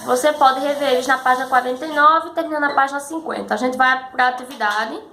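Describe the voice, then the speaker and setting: A woman teacher explaining a lesson patiently and slowly, often checking that her students follow. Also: high-pitched, sharp tone. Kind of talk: recorded school lesson. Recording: echoey room with faint background noise.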